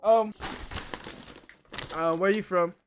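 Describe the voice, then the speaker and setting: Slow-questioning woman interviewer. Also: medium pitch, slight background noise. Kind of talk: casual chat.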